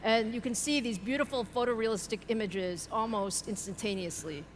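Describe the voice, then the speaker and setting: In a large keynote hall, a woman with a fairly high voice speaks briskly, giving a polished, upbeat presentation that introduces products and partners on stage. The recording carries the reverb of the big hall along with faint noise.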